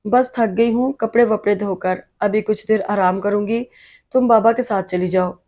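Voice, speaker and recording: A woman's voice: medium pitch, fairly even intonation, moderate pace, dark tone, lightly acted. A woman narrator voicing a reserved, guarded young woman doctor who answers briefly and with restraint. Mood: restrained.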